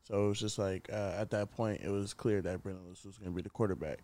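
Inside a truck, a nineteen-year-old college football wide receiver chats casually as a podcast guest, using slangy, informal language. His lowish voice is warm and steady, and he talks fast.

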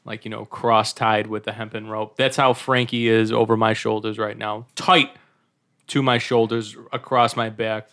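Halting man playing a tabletop game. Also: lowish voice, little pitch movement, a bit bright. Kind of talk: casual in-game chat.

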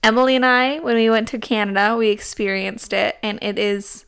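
A woman's voice: a little high, level tone, normal speed, vocal fry, a bit bright, smooth. A woman co-hosting a podcast in casual chat, rambling a little with fillers. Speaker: podcast co-host.

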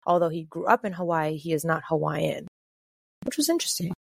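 A woman from the Caribbean, co-hosting a podcast in casual chat, chatty and quick to laugh. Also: deep voice, expressive, vocal fry, no room sound, clean studio sound. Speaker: podcast co-host.

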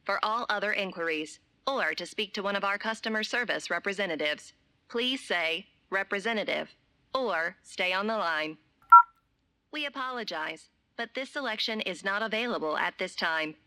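A woman voicing an automated office phone menu, with a measured, polite, impersonal delivery. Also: mid-range voice, expressive, sharp tone. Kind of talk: recorded phone menu announcement.

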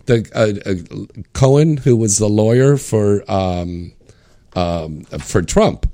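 A man's voice: lowish voice, lively intonation, takes it slowly, warm tone, dry recording. A man hosting a casual talk show, chatting informally with jokes and swearing. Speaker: radio show host.

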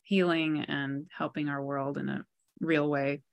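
A woman's voice: low-pitched, little pitch movement, measured pace, gravelly. A woman in her forties, a guest author and healer, telling her life story in a reflective, candid way. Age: 40s. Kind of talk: interview.

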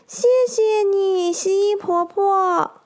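A woman voicing an eager little boy hedgehog in a storybook reading, speaking in a stammering, excited way. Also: extremely high pitch, slow pace, voice pushed up.

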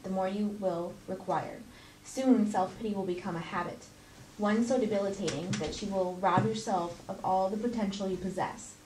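A woman at a seminar reading a passage aloud, slow and careful. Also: medium pitch, distant mic. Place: large seminar room. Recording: echoey room from afar, faint noise.

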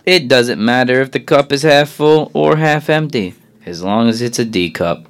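A man's voice: mid-range voice, normal speed, clean tone. A man co-hosting a casual radio show, bantering, teasing and reading things out in a joking way.

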